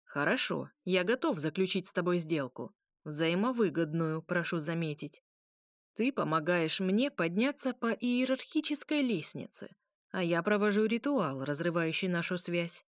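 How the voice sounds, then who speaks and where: A woman's voice: on the low side, expressive, moderate pace, no room sound, clean studio sound, lightly acted. A woman voicing a smug ancient demon lord. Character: ancient scheming male demon marquis, smug.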